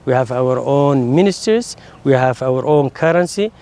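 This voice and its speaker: Man, from Somaliland, interview answer, measured, hesitant, fillers. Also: medium pitch, expressive, mellow, slight background noise. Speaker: local interviewee. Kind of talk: explaining history in an interview.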